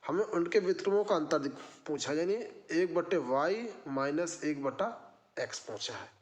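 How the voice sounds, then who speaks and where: A man's voice: on the high side, lively intonation, normal speed. A man. He walks through each problem one step at a time, asking the class questions and then answering them himself. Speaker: math teacher. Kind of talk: exam-prep math lesson.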